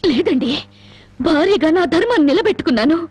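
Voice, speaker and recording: A woman's voice: extremely high pitch, big pitch swings, fast, a little mellow, no room sound. An actress playing a wronged young wife who rebukes her husband with cutting sarcasm in a melodramatic film scene. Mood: bitter sarcasm. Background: film score.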